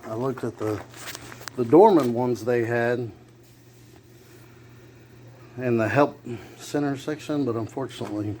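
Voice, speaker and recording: A man's voice: mid-range voice, a little slow, pauses often, darkish tone, low-quality recording. A man talking casually and plainly, thinking aloud as he narrates a hands-on repair. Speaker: amateur car repair vlogger. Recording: clear background noise, vehicle ambience.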